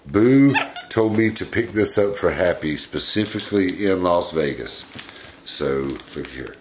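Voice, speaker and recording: A man talks fondly to his pet monkeys in a casual home video. His voice rises and falls a lot as he coaxes them. The recording is noisy, with background sound behind him. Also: low voice. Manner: doting, coaxing talk to his monkeys.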